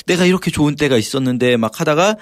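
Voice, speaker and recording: A man's voice: on the high side, animated, fast talker. A man teaching the Bible on a radio program in a conversational way, retelling passages with feeling and frequent casual fillers. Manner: explains animatedly, acting out quoted lines with feeling; frequent filler "막", informal storytelling.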